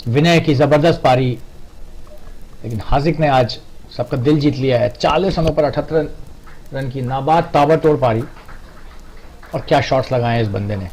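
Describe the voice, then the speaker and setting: A man giving live cricket match commentary, excitable and drawing out his exclamations on big shots. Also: medium pitch, moderate pace, long pauses, slight background noise, poor audio.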